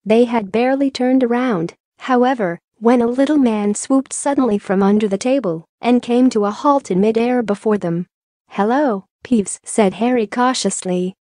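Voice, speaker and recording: Mellow woman narrating an audiobook. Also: on the high side, normal speed, hardly any pauses, no echo, clean studio sound. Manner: steady storytelling read.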